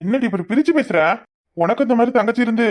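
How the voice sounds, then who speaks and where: Cartoon husband voiced by an actor, coaxing and pleading, Kanyakumari Tamil accent, mid-pitched voice, very fast. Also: expressive, darkish tone, lightly acted. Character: coaxing young village husband.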